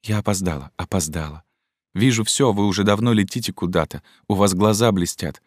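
A man reading an audiobook voices a young woman, an earnest student in love, in a soft, pleading, raised voice. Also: on the low side, a little fast, no echo, voice pushed up, lightly acted. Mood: tender. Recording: dry close studio sound.

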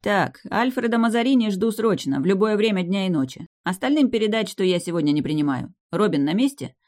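A breezy young duke giving offhand, commanding orders, voiced by the audiobook narrator. His pitch sits a little above the narrator's usual reading voice, and he talks briskly and with lively energy. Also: natural voice. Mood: brisk, bossy.

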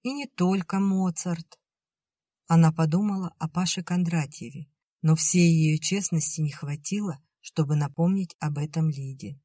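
An audiobook narrator reading literary prose in an even, measured way. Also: medium pitch, no room sound, studio quality.

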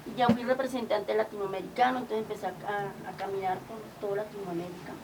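An older woman from Colombia, telling lively stories from her community work, often acting out quoted dialogue. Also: medium pitch, fast. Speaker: community organizer. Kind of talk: storytelling. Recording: distant mic with clear background noise.

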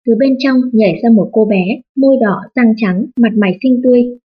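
A woman reading a storybook audiobook aloud in a steady, even manner. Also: on the high side, fairly quick, breathy edge, highs cut off. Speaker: audiobook narrator. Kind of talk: scripted storybook narration.

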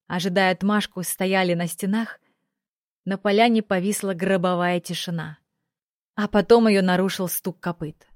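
A woman narrating a fantasy audiobook in a steady, expressive reading. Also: mid-range voice, no echo, studio quality. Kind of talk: scripted narration.

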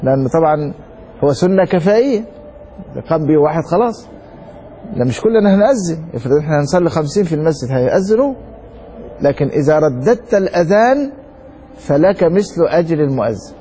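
A man with an Egyptian Arabic accent teaching a religious lesson, reading a text slowly and then explaining it with rhetorical questions to his students. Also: fairly high pitch, animated, dark tone, slight background noise. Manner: reads a text slowly, then comments quickly. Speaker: sheikh teaching Maliki law.

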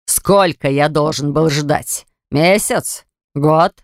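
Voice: mid-range voice, takes it slowly, no echo, studio quality. A reader doing a grumbling indignant old father. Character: indignant elderly father, hot-tempered and dramatic. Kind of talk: audiobook character voice.

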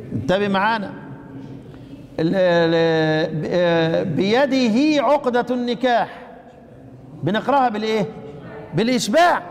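A high-pitched Egyptian man teaches recitation rules to a class. He quizzes the listeners, then answers his own questions, and stretches out the recited words slowly. His voice rings with a long hall echo. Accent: Egyptian Arabic. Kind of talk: classroom lesson explaining a text.

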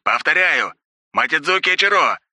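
A man voicing a male enemy officer who demands surrender over a loudspeaker, loud and commanding, repeating his orders. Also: fairly high pitch, sing-song, moderate pace, voice pushed up, exaggerated voice. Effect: loudspeaker broadcast. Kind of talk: audiobook narration.

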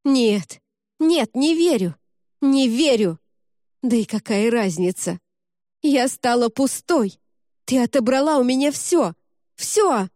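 A shrill, raging young woman hurls bitter accusations, her voice pitched high and loud, as a female audiobook reader acts her out. The delivery is close and dry, with a mellow undertone. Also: expressive, slow, pauses often, no echo. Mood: furious shouting. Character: furious young red-haired woman, bitter, vengeful. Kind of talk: audiobook character reading.

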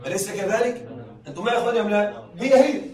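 A man's voice: high voice, racing, a little mellow, soft background music. A man teaching a classroom lesson, stretching key words for emphasis and often checking that his students are following. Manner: repetitive, keeps checking that listeners follow. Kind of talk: classroom lecture. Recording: roomy, distant mic, faint noise.

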